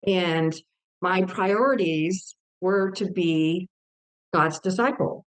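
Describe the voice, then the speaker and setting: A woman's voice: fairly low pitch, slow. Older woman telling an earnest testimony. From Texas. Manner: earnest, emotional storytelling with vivid quoted dialogue. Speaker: guest author. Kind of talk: personal testimony in an interview.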